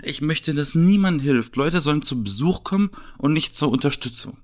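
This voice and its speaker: Animated man telling a story. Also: on the high side, moderate pace. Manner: animated, swears casually. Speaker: podcast co-host. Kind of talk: casual storytelling chat.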